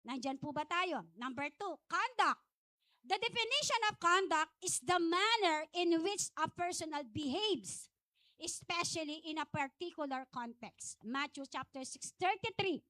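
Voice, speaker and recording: A woman's voice: extremely high pitch, lively intonation, unhurried, sharp tone, no room sound. A middle-aged woman pastor, preaching a conversational church sermon full of chatty asides. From Philippines. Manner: chatty, digressive preaching with frequent asides and self-laughter.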